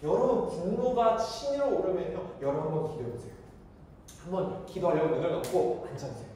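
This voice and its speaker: A young man preaching to a church youth group, lively and questioning, acting out quoted voices. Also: a little high, fairly quick, a little hiss or hum. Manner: animated, acts out quoted voices, asks the congregation questions. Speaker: youth pastor. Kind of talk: sermon. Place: church hall. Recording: echoey church hall, mic from far off.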